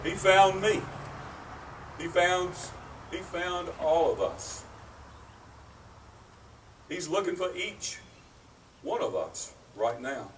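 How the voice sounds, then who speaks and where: Slow, earnest middle-aged preacher outdoors. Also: male voice, sits high, expressive. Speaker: pastor. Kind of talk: sermon. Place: outdoors by a brick church. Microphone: far camera, at a wooden pulpit. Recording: distant outdoor mic, faint noise.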